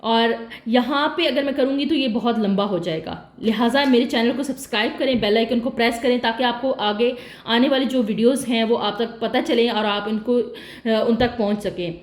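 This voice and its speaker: Speaking at a normal speed in a slightly high voice, a woman from Pakistan tutors on test prep, casually walking through exam advice. She frequently asks herself a question and then answers it, all in an echoey room.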